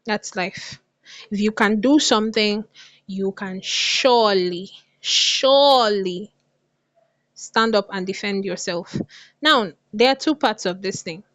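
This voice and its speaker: A woman's voice: medium pitch, a little slow, a bit bright, no echo. A woman with a lisp and slushy s sounds, teaching casually as a coach and repeating phrases for emphasis. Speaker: copywriting coach. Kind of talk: casual online lesson to viewers.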